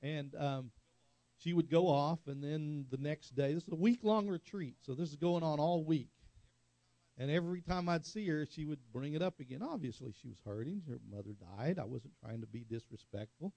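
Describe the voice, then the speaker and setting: A middle-aged male pastor preaching in a loose, conversational way, stopping often to ask for an amen. His voice is gravelly and mellow, sitting a little higher than most men's. The sound is dry and close. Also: moderate pace, no room sound. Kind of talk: sermon.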